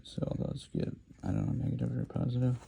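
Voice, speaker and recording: A man's voice: medium pitch, steady tone, fairly quick, vocal fry, mellow, breathy edge. A man giving a rambling, informal lecture while drawing, hesitant with many ums and restarts. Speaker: lecture host.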